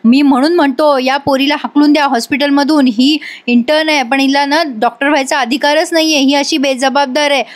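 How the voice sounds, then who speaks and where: A woman's voice: sits high, steady tone, a little fast, hardly any pauses, lightly acted. Woman doing a spiteful older male doctor. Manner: accusing, contemptuous.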